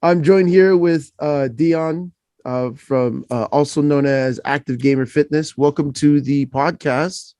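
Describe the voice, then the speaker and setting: A man hosts a relaxed podcast chat, joking with his guest and laughing easily. His voice sits a bit high for a man. The sound is dry and close, with hardly any room around it. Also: a little slow, few pauses, dry recording. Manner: laughs often, friendly and joking. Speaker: podcast host. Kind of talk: casual interview chat. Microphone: podcast microphone.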